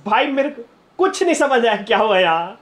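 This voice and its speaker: A young man streaming a game live, chatting to viewers and breaking into excited shouts and laughter. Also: extremely high pitch, normal speed. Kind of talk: live gameplay commentary.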